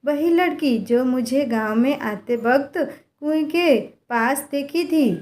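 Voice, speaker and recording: A woman's voice: high-pitched, slow, darkish tone. A woman voicing a curious, stubborn young village boy in a storybook tale, speaking insistently. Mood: eager. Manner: insistent, protesting. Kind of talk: storybook character voice.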